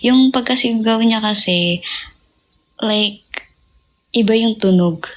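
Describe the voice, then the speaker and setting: A young woman singer chatting casually with fans on a livestream, drifting between talk, sung snippets and soft whispers. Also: a little high, slow.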